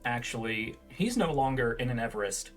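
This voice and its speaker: A man runs a tabletop game in a voice of middling pitch. He improvises the scenes, pausing and correcting himself as he goes. Faint music plays behind him. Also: expressive. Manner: halting, self-correcting delivery. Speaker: game master.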